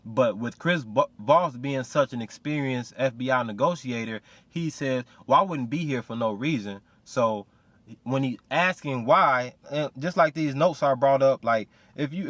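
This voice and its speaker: A man giving reaction commentary on a clip in an excited, street-casual way, filling his talk with "you feel me" and "bro". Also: mid-range voice, no room sound. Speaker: video commentator.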